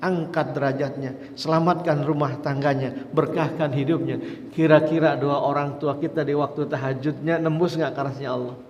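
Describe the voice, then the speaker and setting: A man delivering a short dawn sermon, telling lively stories and slipping into the voices of the people in them. His pitch sits in the middle range. The sound is echoey, with a long reverb from the big mosque hall and faint ambience behind. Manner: lively storytelling, acts out dialogue. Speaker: preacher.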